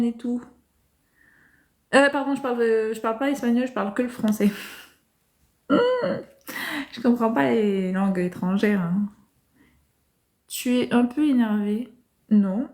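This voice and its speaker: A woman hosting a casual livestream, answering viewers' comments calmly and hesitating with many fillers. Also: on the high side. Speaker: livestream host.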